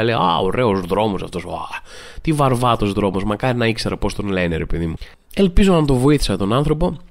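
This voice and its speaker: A man hosting a podcast, telling comic everyday stories and mimicking people in a raised voice. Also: medium pitch. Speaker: podcast host. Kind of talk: comedic monologue.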